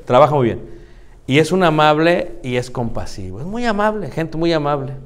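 A young man preaching, lively, acting out church members in little voices. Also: on the high side, moderate pace. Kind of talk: lively sermon to young people. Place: church hall.

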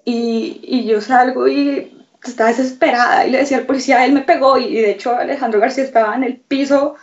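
A young woman giving an emotional testimony in a news interview, retelling events in a halting, shaken way with many repeated words. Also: on the high side, darkish tone. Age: young adult. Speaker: interviewee recounting an assault. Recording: slightly distant, dull lo-fi sound.

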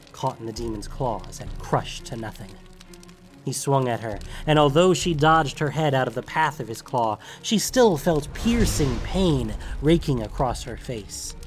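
A man narrates a fantasy tale in a mid-pitched voice, with faint music underneath. His storytelling is dramatic but steady.

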